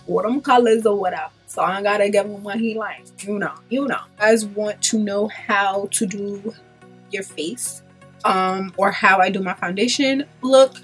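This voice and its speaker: This beauty vlogger is a young woman in her twenties with a stuffy cold, casually chatting through a makeup tutorial in loose speech packed with "um" and "like." Her mid-range voice sounds a bit bright and slightly rough. She's in a small room with a pink backdrop behind her.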